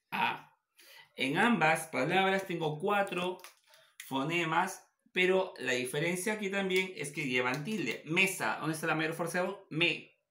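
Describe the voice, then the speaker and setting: A male teacher giving a classroom lecture at the board, asking questions and answering them himself, spelling words out slowly. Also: a little high, pushed and bright. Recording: echoey classroom.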